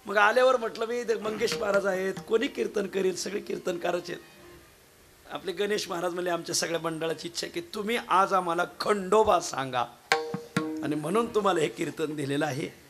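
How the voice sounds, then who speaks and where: A male Marathi kirtan preacher from Maharashtra, hoarse after three kirtans the day before, delivers a humorous devotional sermon at a village gathering accompanied by harmonium and mridang. His voice is high, a bit bright and a little fast, folksy and joking as he addresses the audience directly, with soft music in the background.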